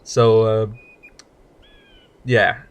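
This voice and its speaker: A man streams a card game with casual, rambling commentary, cracking jokes and tripping over his words as he restarts sentences. His voice is lowish and level with a clean tone, and he speaks very slowly.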